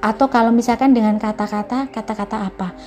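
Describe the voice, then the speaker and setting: A woman giving a casual motivational talk, speaking gently and directly to the listener and mixing English phrases into her speech. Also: fairly high pitch, fairly even intonation, fast. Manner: mixes English phrases into Indonesian. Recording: soft background music.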